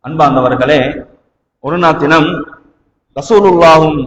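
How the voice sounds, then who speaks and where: A Sri Lankan Tamil man with a high-pitched voice preaches unhurriedly in a large, echoing mosque hall, and the sound is lo-fi. His sermon weaves in storytelling and is emphatic and dramatic, full of rhetorical questions and repeated phrases.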